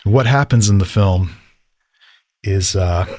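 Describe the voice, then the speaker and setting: A man's voice: sits low, slow, a little mellow, dry recording, studio quality. A man teaching about storytelling in a casual lecture, rambling and enthusiastic with lots of fillers.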